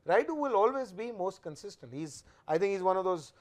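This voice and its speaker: A man's voice: sits high, sing-song, brisk. A man giving studio match analysis as a cricket pundit, emphatic and opinionated.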